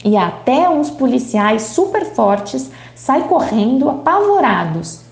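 A woman's voice: sits high, sing-song, slow, creaky, reverberant, exaggerated voice. A woman reading aloud as a young boy who tells his dream in broken, childlike grammar. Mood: dreamy.

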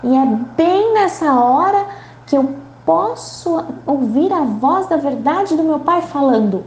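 A woman's voice: high-pitched, animated, takes it slowly, a little mellow, roomy sound, slight background noise, voice pushed up, full character voice. A woman reading aloud as a young boy who tells his dream in broken, childlike grammar. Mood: dreamy.

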